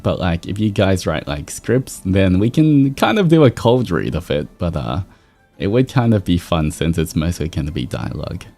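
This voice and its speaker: A livestreamer and VTuber host chats casually with his viewers, rambling in a relaxed way over background music. His low, mellow voice moves at a normal speed, with big swings in pitch.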